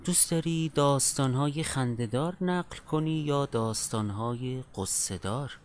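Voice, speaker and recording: A man telling a literary tale in a dramatic, deliberate way, phrase by phrase. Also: medium pitch.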